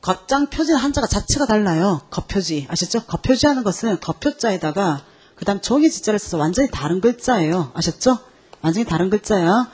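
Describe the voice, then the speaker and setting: A woman's voice: mid-range voice, fairly quick, breathy edge. A woman teaching an exam-prep lecture on Chinese characters, quizzing her students and checking in with them again and again. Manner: lively, quizzing students with constant check-ins.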